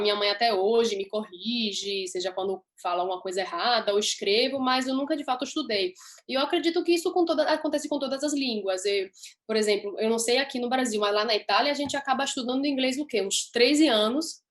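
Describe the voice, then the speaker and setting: Speaking a little fast in a slightly high voice, a young woman from Italy, a native Italian speaker, fields interview questions as an upbeat singer, chatty and quick to laugh.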